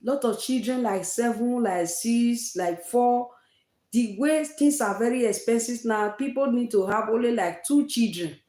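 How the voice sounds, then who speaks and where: In a reverberant space, a Nigerian woman with a Nigerian accent hosts a casual livestream, speaking a little slowly in a fairly high voice with a dark tone. She repeats herself for emphasis, emphatic throughout, and uses Nigerian fillers like "eh" and "oh."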